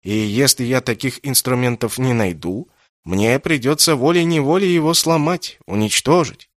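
In a clean, echo-free studio recording, a man reads an audiobook character, a haughty, scheming male mage, in a lightly acted, raised medium-pitched voice at normal speed. He sounds imperious and coaxing at first, then clipped and cold.

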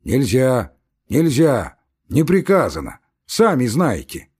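Guy doing a curt scolding guard, husky, loud. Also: mid-range voice, wildly swooping pitch, slow, heavily acted. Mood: gruff. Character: gruff stubborn male hospital guard.

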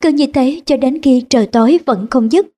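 A woman reading a short story aloud as the narrator, steady and even. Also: high voice, normal speed.

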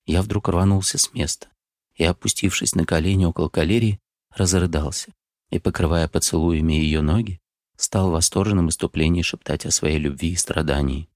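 A man narrating a literary audiobook in a measured, expressive way. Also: low voice, no room sound, clean studio sound.

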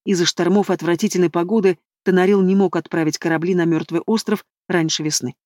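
A woman reading a first-person novel aloud as narrator, in steady, even storytelling. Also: fairly low pitch, fast talker, no echo. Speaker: audiobook narrator. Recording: dry close studio sound.

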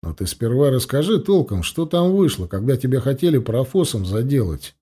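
A man reading an audiobook, voicing a calm, dry-witted male necromancer with a measured, sardonic manner. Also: medium pitch, breathy edge. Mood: stern.

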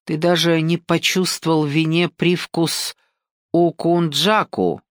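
A sly, domineering older man voiced by a woman narrator leans in with slow, coaxing menace. His speech is drawn-out and patronizing, delivered in a dry, close-miked audiobook sound. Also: low-pitched, fairly even intonation, no room sound. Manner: slow, coaxing, patronizing, keeps saying "son".

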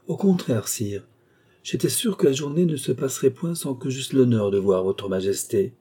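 A man's voice: medium pitch, animated, normal speed, dark tone, slightly rough. A man voicing a proud, witty young royal mistress in an audiobook, sulky and mock-indignant. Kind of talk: audiobook character reading.

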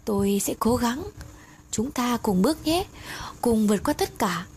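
A woman's voice: on the high side, expressive, a little slow, a little mellow. A woman voicing a frightened young woman haunted by guilt, pleading and tearful, read as an audio story. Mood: grateful. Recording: noisy audiobook recording.

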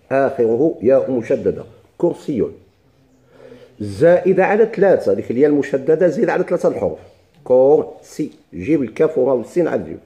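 A man with a Moroccan Arabic accent teaching a grammar lesson, repeating each word slowly for his students. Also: medium pitch, mellow. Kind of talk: classroom lesson.

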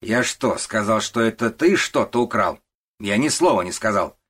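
A man doing a loud bullying boss. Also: on the low side, lively intonation, moderate pace, slightly rough, voice pushed up. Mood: angry, bossy. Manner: loud and scolding. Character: shouting, bullying middle-aged male warehouse boss.

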